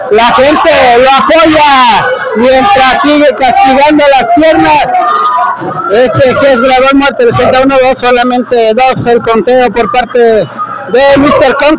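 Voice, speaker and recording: A Mexican man working as a wrestling commentator, calling lucha libre live with emphatic, drawn-out announcer delivery. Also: very high-pitched. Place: indoor wrestling gym with audience. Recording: noisy gymnasium, loud crowd behind.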